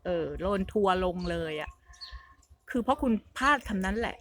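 A woman's voice: mid-range voice, animated, normal speed, slight background noise. A middle-aged woman vlogging in a casual, rambling storytelling style, often repeating herself as she talks.

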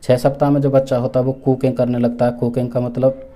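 Dark flat-voiced man teaching. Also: medium pitch. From India. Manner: repeats each point with Hindi and English terms; many fillers and restarts, measured explaining. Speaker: teacher for exam preparation. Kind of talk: recorded exam-prep lecture.

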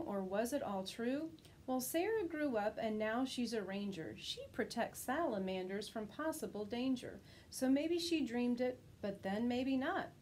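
Reading a rhyming picture book to children, a teacher with a slightly high voice tells the story expressively and lifts her tone whenever a character speaks. The audio is poor, with a little hiss or hum.

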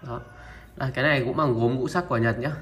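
This seller's sales talk moves through his used Japanese goods one at a time, his medium-pitched voice steady and repetitive as he opens nearly every sentence with a pointing word. Familiar with his viewers, he fills gaps with filler sounds.

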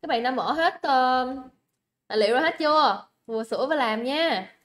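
A woman's voice: high voice, expressive, normal speed, fairly bright tone. Chatty Vietnamese woman teaching English live. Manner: chatty, coaxing, repeats words for emphasis and checks on students. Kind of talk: livestream exam review lesson.

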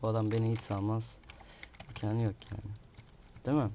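A man's voice: on the low side, little pitch movement, brisk, mellow, a little hiss or hum. Man grumbling over his gameplay. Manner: grumbling at an opponent, muttering to himself. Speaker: gaming video creator. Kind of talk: live gameplay commentary. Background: keyboard clicks and typing.

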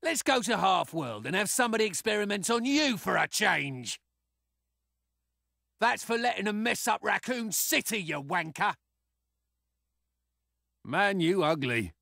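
A scrappy little raccoon soldier from a fighting game, cocky and sarcastic. The voice is high and gravelly, swooping wildly as it throws out brash taunts. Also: male voice, sing-song, measured pace, pauses often, sharp tone, no room sound, clean studio sound, heavily acted. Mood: sarcastic, smug. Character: cocky, foul-mouthed, scrappy male raccoon space soldier.

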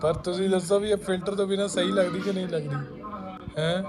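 A man's voice: high voice, steady tone, a little fast, music in the background. Punjabi man vlogging casually with a cold. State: has a cold. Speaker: family vlogger. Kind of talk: casual chat to camera and to a child.

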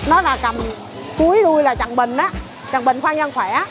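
A middle-aged woman with a Southern Vietnamese accent, who runs a market food stall, chats casually in an interview, rattling off her dishes one after another. Her voice sits high and animated at a normal speed, with music playing in the background.

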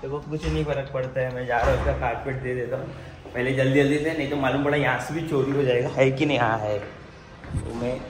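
A man's voice: medium pitch, background noise. A man teasing his wife about a missing carpet, telling the story playfully in a casual home vlog. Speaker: vlogger pranking his wife.

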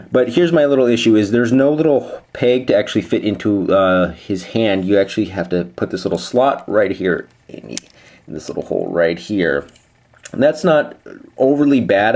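Low-voiced man casually reviewing a toy. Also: darkish tone. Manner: rambling, hesitant with fillers.

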